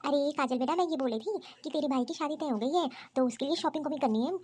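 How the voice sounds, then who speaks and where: Bossy, scheming older mother in a cartoon story, doling out gossiping advice, as a woman puts her on. The voice is high yet mellow. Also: quick pace, close to an everyday voice.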